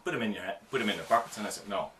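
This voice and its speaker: A man's voice: fairly low pitch, bright, forceful tone, a little hiss or hum. A middle-aged man, giving an informal video tutorial on performing for the camera, with frequent ums and restarts. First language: Dutch. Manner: halting, many ums and restarts, demonstrative. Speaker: audiovisual producer teaching on-camera skills.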